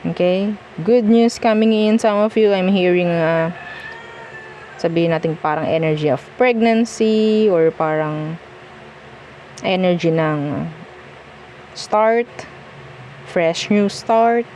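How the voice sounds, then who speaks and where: Slow and warm, with frequent pauses, a woman's lower voice carries a casual tarot reading over slight background noise. She has a Filipino accent, mixes Tagalog and English, and stays chatty and reassuring, often checking in with "okay?".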